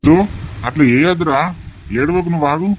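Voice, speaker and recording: A man voicing an elderly village grandfather in a cartoon, speaking in a rough, scolding but sympathetic way. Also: fairly high pitch, fairly quick, natural voice. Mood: concerned. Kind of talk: cartoon voice acting.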